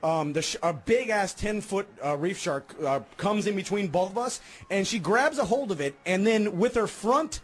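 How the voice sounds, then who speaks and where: Excitable high-voiced man telling a story. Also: normal speed, hardly any pauses. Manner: excitable, laughs often, acts out voices. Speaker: radio show host telling a story. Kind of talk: animated storytelling on morning radio.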